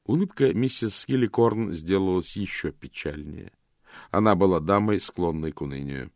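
Brief: low male audiobook narrator, measured, dry close sound. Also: darkish tone, no echo. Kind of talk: scripted narration.

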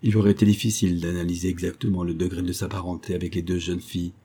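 A man narrating a novel as an audiobook, in a measured storytelling manner. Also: deep voice, level tone, mellow, husky. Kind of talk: scripted narration.

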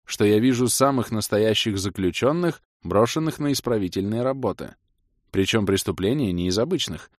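A man narrating a first-person fantasy audiobook in an expressive storytelling manner. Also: on the low side, dry recording, clean studio sound.

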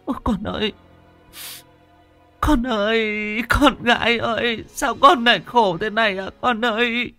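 A man's voice: high-pitched, sing-song, normal speed, gravelly, faint music behind, voice pushed up, heavily acted. A man voicing a desperate middle-aged village mother who pleads through tears for her lost daughter. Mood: wailing. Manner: pleading, tearful.

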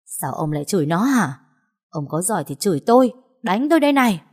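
A woman voicing a distraught, hot-tempered middle-aged mother who wails and shouts back, in a storybook reading. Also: lowish voice, expressive, normal speed. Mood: defiant. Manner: wailing and defiant.

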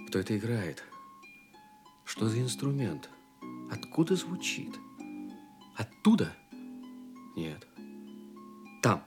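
A man's voice: low voice, exaggerated voice. An actor playing a noble, chivalrous young king full of earnest wonder, in a theatrical Soviet audio play style. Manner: theatrical, hushed wonder, exclamatory questions.

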